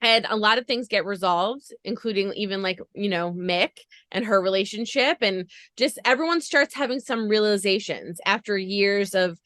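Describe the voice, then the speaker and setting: Woman podcast host, bright voice, high pitch, dry close mic, gushing and fast-talking. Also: dry recording. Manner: gushing, talks fast in long run-on recaps. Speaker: podcast interviewer. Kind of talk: enthusiastic interview chat.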